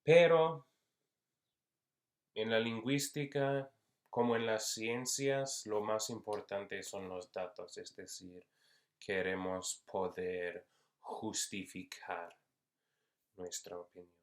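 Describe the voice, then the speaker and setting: Man, lowish voice, very slow lecture, lots of pauses and fillers. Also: steady tone. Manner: slow, hesitant, many fillers. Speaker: university Spanish instructor. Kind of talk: unscripted classroom lecture.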